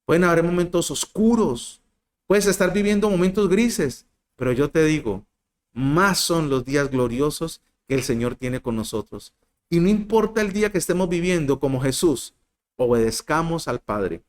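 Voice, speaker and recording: Expressive Spanish-speaking male preacher. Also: normal speed. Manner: expressive, swings between loud emphasis and soft low lines; addresses listeners directly, asks rhetorical questions. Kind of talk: sermon.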